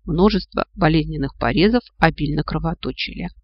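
A man narrating a fantasy storybook in an expressive, lively reading. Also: fairly high pitch, a little fast, breathy edge, no echo, highs cut off. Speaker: audiobook reader.

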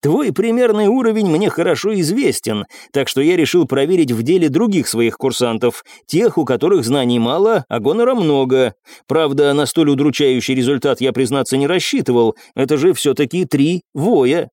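A scheming officer in an audiobook, clipped and insinuating, his voice sliding into soft menace, as a male reader plays him. Close, dry sound with lively pitch. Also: moderate pace, dry recording, natural voice. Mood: smooth. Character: cold, scheming male captain and curator.

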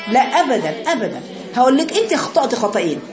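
A woman's voice: fairly high pitch, very animated, very fast, echoey room, crowd noise. An Egyptian woman teaching Quran recitation, patiently correcting her students and chanting the sounds herself to show them. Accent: Egyptian Arabic. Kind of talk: tajweed lesson, correcting students.

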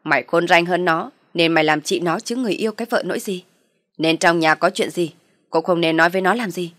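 Casting: spiteful older father-in-law, read by a woman, loud, dry close voice. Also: fairly low pitch, fast talker, dry recording, close to an everyday voice. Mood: contemptuous. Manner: loud, accusing.

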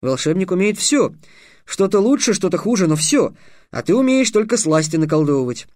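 A man's voice: sits high, big pitch swings, fairly quick, a little mellow, no echo, studio quality, voice pushed up. A man voicing a stern, clever teenage squire who lectures curtly. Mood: lecturing. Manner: curt, lecturing.

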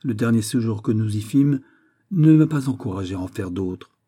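Dignified old count, read by a man, gentle and steady, warm dark tone. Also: fairly low pitch, normal speed, breathy edge. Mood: calm.

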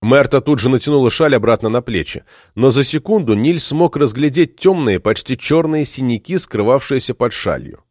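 A male narrator reads a novel aloud with lively, animated pitch. The sound is close and dry, with no room in it. His storytelling is expressive and steady. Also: normal speed, few pauses, dry recording. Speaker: audiobook narrator. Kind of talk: scripted narration.

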